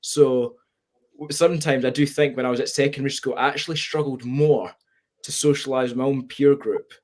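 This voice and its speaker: A nineteen-year-old man from Spain with a Scottish accent speaks candidly and reflectively as a guest on a webinar video call. His medium-pitched voice is fairly even, fairly quick, and a little mellow.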